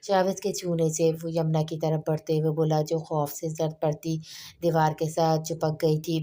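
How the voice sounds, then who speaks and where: A woman reads a romance novel aloud in a low, dark voice. Her delivery stays almost perfectly flat, with little rise or fall even in the dialogue. She keeps a steady narrating pace and stumbles and restarts a word now and then. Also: normal speed. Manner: monotone, steady reading with small restarts. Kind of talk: reading a romance novel aloud, voicing every character.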